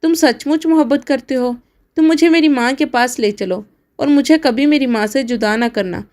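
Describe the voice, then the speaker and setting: A woman's voice: high-pitched, a little mellow, lightly acted. Woman voicing a desperate young bride. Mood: pleading. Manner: emotional, pleading. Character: young bride, pleading and defiant.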